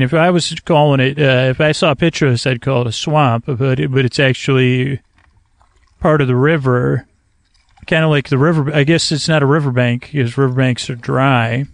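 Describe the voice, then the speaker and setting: In a dry recording made outdoors in a kayak on a river, a man with a creaky mid-range voice hosts a sleep podcast. His soothing, lulling monologue rambles, stopping often for corrections and drifting off on tangents.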